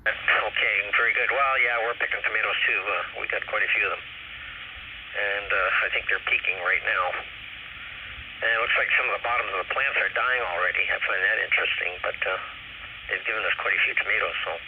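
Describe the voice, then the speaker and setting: An older man chats through the net in an unhurried, friendly-neutral way. His voice sits low. It comes through a narrow, tinny scanner radio under a clear bed of static hiss. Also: steady tone. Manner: easygoing, unhurried and conversational. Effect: received over a scanner radio with static. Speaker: net control operator. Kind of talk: casual amateur radio net chat.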